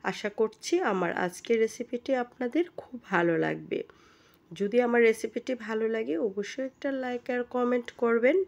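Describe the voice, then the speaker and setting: A woman, hoarse from a cold, giving chatty step-by-step directions as she narrates a home recipe. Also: medium pitch, a little mellow. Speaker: cooking channel host. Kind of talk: recipe voice-over.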